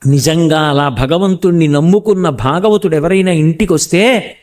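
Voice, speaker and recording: High-voiced man giving a devotional discourse. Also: a little mellow. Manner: recites Sanskrit verses slowly, then explains them; speaks directly to listeners in earnest exhortation. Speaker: spiritual speaker.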